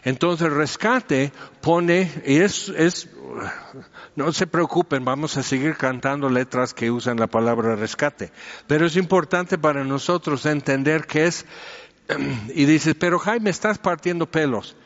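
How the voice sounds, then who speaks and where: A man giving a conversational sermon. He explains with everyday examples and fills his pauses with "este". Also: on the high side. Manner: explanatory, uses homely examples and many fillers. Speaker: preacher. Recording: dull echoey hall recording.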